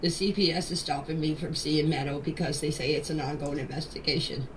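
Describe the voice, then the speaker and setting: This older woman's voice sits low, with a steady tone and a fairly quick pace. As a grandmother answering questions in a group voice chat, she delivers an emotional personal statement, plain-spoken, pleading, and insistent, in a distant, noisy amateur voice message.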